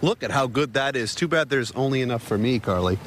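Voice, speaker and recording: A man's voice: mid-range voice, expressive, fast, slight background noise. A man reporting live for a lifestyle TV show at an outdoor fair, joking playfully with the people he interviews. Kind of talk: live on-location TV segment.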